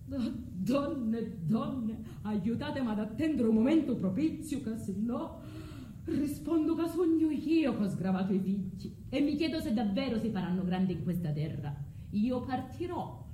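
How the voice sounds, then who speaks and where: A woman's voice: sits high, a little mellow, slight background noise. An actress playing Medea, a scorned foreign sorceress and mother, cunning and vengeful, in a declamatory tragic stage monologue that mixes in dialect and Spanish. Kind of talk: solo stage monologue of classical tragedy. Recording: roomy stage sound with music.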